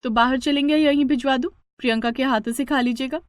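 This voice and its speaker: A woman voicing a patient young sister-in-law in a storybook cartoon, gentle but pointedly sarcastic. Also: sits high, fairly even intonation, quick pace, no room sound, studio quality, voice pushed up, natural voice. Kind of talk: storybook narration.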